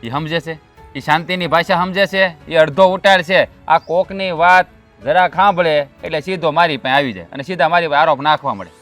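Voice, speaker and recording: An actor playing a short-tempered, defensive elder brother and farmer, speaking with a Kathiawadi Gujarati accent. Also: male voice, fairly high pitch, a bit bright, soft background music, lightly acted. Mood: explaining. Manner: defensive and quick to snap. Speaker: elder brother in a land feud. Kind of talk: rural family drama acting.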